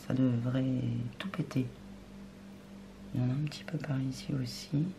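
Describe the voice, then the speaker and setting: A woman hosting a crafts unboxing video, chatting casually and thinking aloud, often murmuring softly. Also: rumbling low, fairly even intonation, normal speed. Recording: clear background noise.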